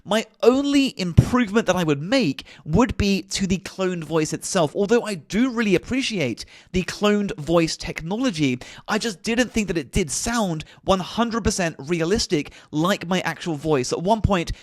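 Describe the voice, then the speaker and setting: A man hosting a software tutorial, walking through each click step by step in an instructive manner. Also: high-pitched, animated, normal speed, few pauses, no echo, clean studio sound. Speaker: tutorial host. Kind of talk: screen-recorded software tutorial.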